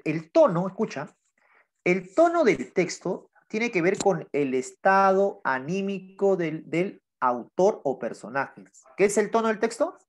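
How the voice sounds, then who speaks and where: A male teacher giving an online class through his laptop, explaining patiently and often checking in with the students. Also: sits high. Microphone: laptop microphone.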